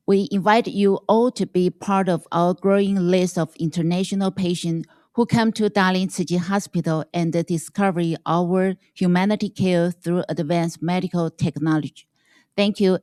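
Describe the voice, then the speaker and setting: Slightly low-voiced woman presenting formally. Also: darkish tone, no echo. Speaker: doctor presenting for a hospital.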